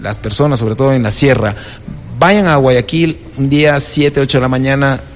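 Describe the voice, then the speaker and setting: Brief: man, mid-pitch, animated talker, long reverb, faint room noise. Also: moderate pace. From Ecuador. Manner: animated, acts out quoted dialogue. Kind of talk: casual conversation.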